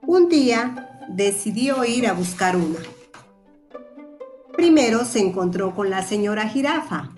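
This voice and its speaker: A woman narrating a children's story to young listeners, speaking gently and clearly. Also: mid-range voice, lively intonation, a little slow. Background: soft music.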